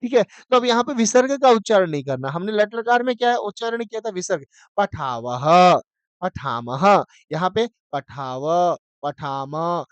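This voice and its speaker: A high-pitched, clear-voiced male teacher runs a grammar lesson. He quizzes and answers himself in a call-and-response drill, and he chants verb lists in a slow, measured way. The sound is close and dry. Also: expressive, no room sound. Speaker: Sanskrit teacher.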